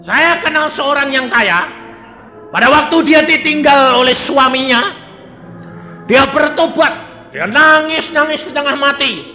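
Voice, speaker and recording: A man preaching a sermon, dramatic, swinging between loud bursts and soft drops. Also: very high voice, unhurried, highs cut off. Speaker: evangelist preacher. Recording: echoey hall with faint music.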